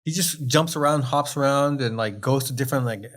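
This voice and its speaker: A man's voice: mid-range voice, a little fast, fairly bright tone. A man chatting casually as a podcast guest, rambling and laughing often, trailing off mid-sentence. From USA.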